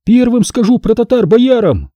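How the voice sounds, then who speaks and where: A man voicing an excited, boastful boy who calls out eagerly in a storybook reading. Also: extremely high pitch, normal speed, no echo, dull audio, voice pushed up.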